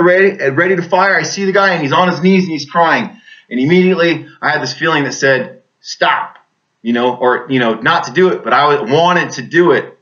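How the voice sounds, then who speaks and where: A man's voice: medium pitch, fairly bright tone, dull audio. Plain-spoken man telling a war story. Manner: plain-spoken, halting, often restarting his sentences. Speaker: military veteran. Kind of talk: personal storytelling.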